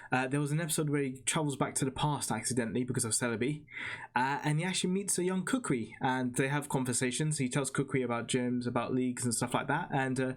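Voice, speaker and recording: A man co-hosting a casual podcast, explaining things at length with plenty of fillers. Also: mid-range voice. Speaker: podcast co-host.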